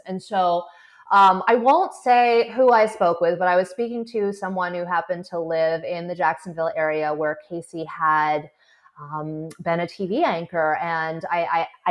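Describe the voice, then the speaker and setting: A woman, a political correspondent, chatting as an interview guest, laughing often and filling pauses with "um" and "you know". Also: fairly low pitch. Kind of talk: conversational interview. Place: South Florida.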